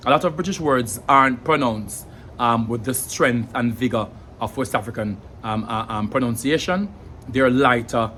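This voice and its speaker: Talking casually to camera, this young man with a Jamaican accent has a medium-pitched, fairly bright voice. As a language vlogger, he thinks aloud with filler pauses and repeated words, while a faint ambient hum runs underneath.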